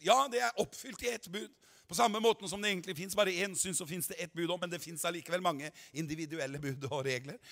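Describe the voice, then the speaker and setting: A man preaching a revival sermon at a convention, moving between quiet asides and shouted appeals and voicing imagined objectors. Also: fairly high pitch, creaky. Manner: voices imagined objectors in quotes. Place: large meeting hall at a summer convention. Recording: live sermon recording with long hall reverb.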